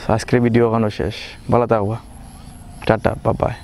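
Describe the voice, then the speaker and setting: A man's voice: lowish voice, level tone, moderate pace, a little mellow, slight background noise. A young man from Bangladesh talking playfully to camera in a casual comic vlog. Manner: playful, mixes standard Bangla with Sylheti dialect. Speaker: vlogger.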